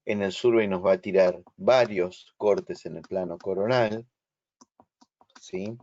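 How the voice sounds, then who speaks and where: Slow, low-voiced man teaching online. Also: darkish tone, highs cut off. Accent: Rioplatense Spanish. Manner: slow, explanatory, checks understanding. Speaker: instructor. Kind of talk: online lecture. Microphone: video call.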